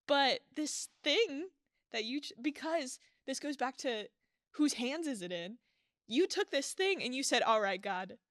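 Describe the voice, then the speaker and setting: A young woman speaking casually and earnestly on a faith podcast, encouraging and quick to laugh. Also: fairly high pitch, bright, forceful tone, dry recording, clean studio sound. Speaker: podcast guest.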